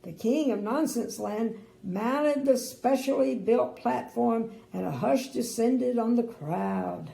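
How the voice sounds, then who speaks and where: An older woman, a sweet grandmotherly storyteller with a creaky voice, reads a bedtime story expressively and adds chatty asides. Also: a little high, takes it slowly, few pauses, mellow. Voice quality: creaky, gravelly. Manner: sweet old lady, grandmotherly. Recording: roomy indoor echo.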